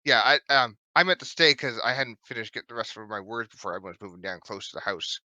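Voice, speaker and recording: A man running a tabletop game as dungeon master, narrating with frequent ums and pauses. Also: fairly low pitch, animated, sharp tone, dry recording.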